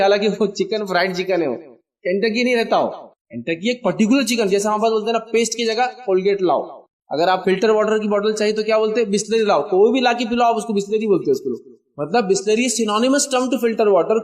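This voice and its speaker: Male lecturer, emphatic and urging, recorded at some distance from the mic. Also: sits high. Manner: emphatic, exhorting, mixes English words into Urdu. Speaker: religious lecturer. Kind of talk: motivational lecture.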